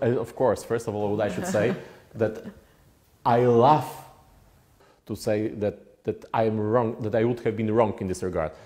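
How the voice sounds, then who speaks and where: A man with a Polish accent giving formal interview answers in a deliberate, diplomatic way with hesitant phrasing. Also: on the low side, mellow. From Poland. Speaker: ambassador, interview guest.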